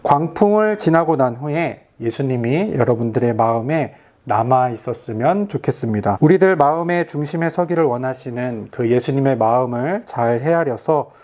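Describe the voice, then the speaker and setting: A man giving a recorded video sermon to a youth group as their pastor, earnest and gentle, speaking directly to his listeners. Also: mid-range voice, animated, moderate pace, few pauses.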